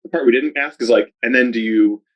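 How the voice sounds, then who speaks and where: A video advertising researcher appears as a podcast guest, chatting casually in a medium-pitched voice that runs a little fast over lo-fi sound. He's upbeat and rambling, leaning heavily on "like" throughout.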